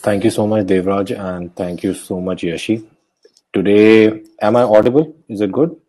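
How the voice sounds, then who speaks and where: A young man giving a soft-spoken, explanatory webinar lecture as a guest speaker, often correcting himself mid-sentence. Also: lowish voice, moderate pace, rough recording.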